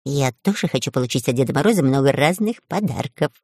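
A woman's voice: rumbling low, lively intonation, fast talker, warm tone, no room sound, studio quality, pitched below the performer's own voice. A woman voicing a cowardly, whiny male spy who squeals and complains in a storybook. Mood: scared. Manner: whiny, easily frightened.

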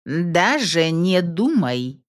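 A woman putting on a brisk, scolding grandmother. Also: on the low side, big pitch swings, heavily acted. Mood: stern. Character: stern practical grandmother, older woman.

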